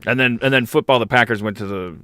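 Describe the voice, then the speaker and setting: Halting, rambling American man in his forties. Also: mid-range voice, bright, forceful tone, clear, resonant tone, no room sound, studio quality. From Milwaukee, United States. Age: 40s. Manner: halting, rambling, repeats words as he reasons. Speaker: podcast guest. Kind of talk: casual chat.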